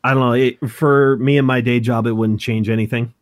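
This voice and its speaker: Co-hosting a relaxed talk show, this man from Montana, in his thirties, has a mid-range voice with fairly even intonation. His speech stumbles through frequent restarts and self-corrections, recorded dry with clean studio sound.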